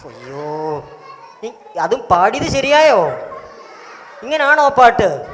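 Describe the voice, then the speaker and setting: A pastor hosting a children's Bible school, telling a story and quizzing the children with animated, rising questions. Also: male voice, high-pitched, moderate pace, a faint crowd. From Kerala, India. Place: auditorium. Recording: echoey hall with faint noise.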